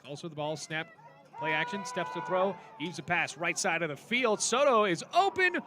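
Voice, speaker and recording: A man's voice: on the high side, fairly even intonation, normal speed, background noise. A man calling live football play-by-play in clipped, descriptive phrases. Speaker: play-by-play commentator.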